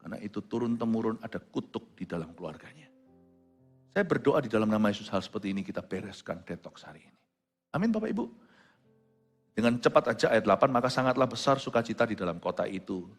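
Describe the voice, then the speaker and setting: A man pastor preaching a sermon, who moves between quiet storytelling and loud exclamations and drops English phrases into his talk. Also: fairly low pitch, lively intonation, quick pace, husky. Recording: long hall reverb with faint music.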